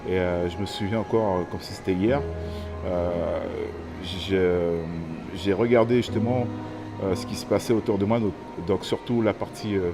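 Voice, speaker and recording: A fairly low-voiced man in his thirties from French Guiana tells his own story, slow to find his words and thoughtful. Clear music plays behind him. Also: steady tone. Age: 30s. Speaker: interviewee. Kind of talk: personal testimony.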